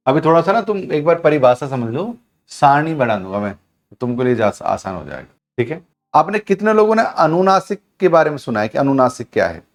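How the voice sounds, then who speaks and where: A man's voice: a little high, big pitch swings, brisk. Man teaching a live online class. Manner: repetitive call-and-response questioning of students; demonstrates sounds by voicing syllables aloud. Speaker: Hindi grammar teacher.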